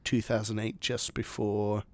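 A man's voice: fairly low pitch, level tone, unhurried. A man co-hosting a podcast, chatting casually about a film, rambling and laughing as his thoughts trail off. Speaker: podcast co-host. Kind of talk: casual film review chat.

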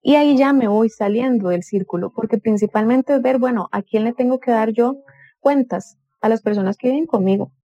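A woman, giving advice as a guest on a talk show and calmly explaining things, often voicing the people she quotes. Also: on the high side, a little fast, no room sound. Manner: calm explanatory, acts out quoted family dialogue. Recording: dull dry studio sound.

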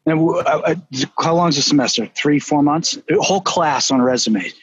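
A man with a Boston accent hosting a casual business chat, telling stories in an animated, emphatic way. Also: on the high side, brisk, slightly rough, no echo. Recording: dull, slightly lo-fi.

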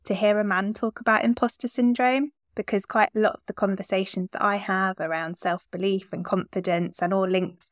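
A woman's voice: medium pitch, steady tone, a little fast, few pauses, dry recording, clean studio sound. A middle-aged woman hosting a conversational interview, responding in an affirming, reflective way. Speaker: podcast host, interviewer.

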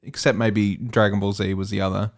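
A man's voice: lowish voice, little pitch movement, fairly quick, vocal fry. A man in his twenties with an Australian accent, co-hosting a casual podcast chat, rambling with fillers and laughing easily. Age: 20s. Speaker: podcast co-host.

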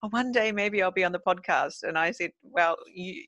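A middle-aged woman hosting a podcast from her home. She talks in a chatty, relaxed way, with plenty of ums and uhs. Her voice sits on the low side and sounds dry and close to the mic. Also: moderate pace, no echo. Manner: chatty, warm-voiced with many fillers. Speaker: podcast host. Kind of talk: casual podcast interview.

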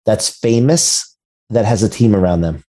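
A man's voice: fairly low pitch, normal speed, mellow. A man hosting a business podcast in a conversational, motivational entrepreneur style full of buzzwords, recorded over a video call. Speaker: podcast host.

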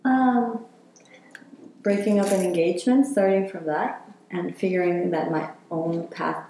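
Woman being interviewed, slow and reflective, lots of like and you know, really echoey room. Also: fairly low pitch, steady tone, mellow, a little hiss or hum. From Chile. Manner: reflective, talks with many fillers. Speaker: interviewee, healer. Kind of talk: casual interview.

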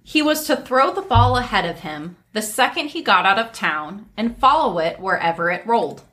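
A woman's voice: mid-range voice, lively intonation, moderate pace, fairly bright tone. A woman hosting and reading a folk tale aloud in a storytelling style, with casual asides. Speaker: narrator and host.

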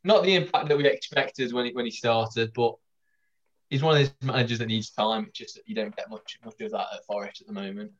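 A man's voice: mid-range voice, fairly quick. A young man chats easily on a podcast, with a wry, laid-back delivery. The audio is slightly dull and lo-fi. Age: young adult. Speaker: guest, physiotherapy student. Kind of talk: casual podcast chat.

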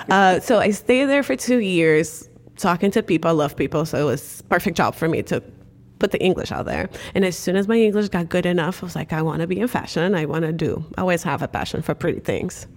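A woman from Cape Verde, whose first language is Cape Verdean Creole, tells her story as a guest in a casual interview chat. She speaks briskly in a fairly low voice, narrating animatedly and saying "like" often.

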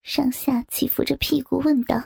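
A woman reading a scripted story aloud in a soft, half-whispered voice. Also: high voice, steady tone, normal speed, vocal fry, no echo.

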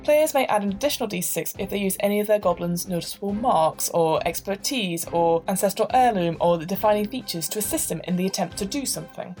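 A woman running a tabletop game, explaining rules briskly and laughing readily. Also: mid-range voice, lively intonation, a little mellow, soft background music. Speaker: game master.

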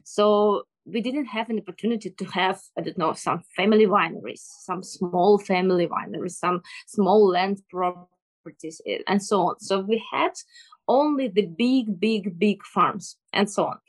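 Ukrainian woman explaining stuff in careful english, kinda halting, hunting for words, pretty dry close sound. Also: medium pitch, dry recording, rough recording. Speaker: interview guest. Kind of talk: explanatory interview talk.

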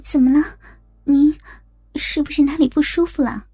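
Female reader as young daughter-in-law in audio fiction: sweet, high, mellow, tender and coy. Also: unhurried, faint music behind. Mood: anxious concern. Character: soft, gentle, mildly reproachful young daughter-in-law.

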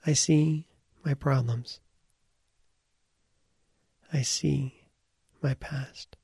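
A man leading a slow guided visualization, calm and soft-spoken, sometimes slipping into a whisper. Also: mid-range voice, gravelly, slightly rough, no room sound, clean studio sound. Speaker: guided meditation leader.

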